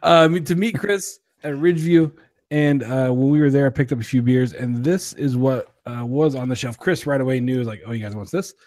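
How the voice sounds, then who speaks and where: During a casual beer review chat, a young co-host speaks at normal speed in a medium-pitched, slightly mellow voice. He jokes easily with a self-deprecating bent, and the recording is dry.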